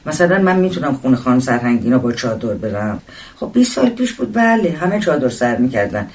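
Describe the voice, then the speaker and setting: A man voicing a talkative, nosy middle-aged housewife in a storybook reading, rushing on with fond endearments. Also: very deep voice, very animated, darkish tone, heavily acted. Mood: gossiping. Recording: voice distant from the mic.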